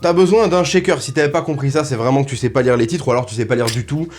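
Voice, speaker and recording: A man's voice: medium pitch, very fast, darkish tone, slight background noise. A man hosting a comedic cocktail tutorial, talking straight to the viewer in crude, ironic, mock-serious patter. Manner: addresses viewer directly. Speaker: host.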